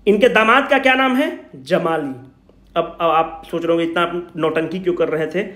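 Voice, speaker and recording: Fairly high-pitched and a bit bright, this man speaks at a moderate pace with a Bihari Hindi accent while coaching for exams. In colloquial speech he emphatically poses and answers his own questions, repeating the key points. The room sounds echoey.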